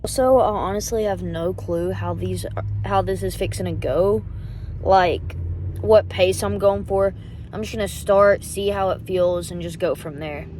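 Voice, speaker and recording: A woman's voice: fairly low pitch, steady tone, a little slow, darkish tone, slight background noise. A young adult woman chatting casually and informally as a fitness vlogger, rambling a little. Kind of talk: casual vlog chat.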